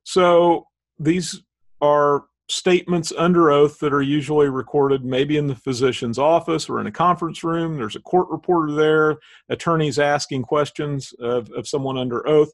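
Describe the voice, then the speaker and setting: A man's voice: a little high, moderate pace. A middle-aged man with a Southern Indiana Hoosier accent, talking casually and explaining things as a podcast co-host.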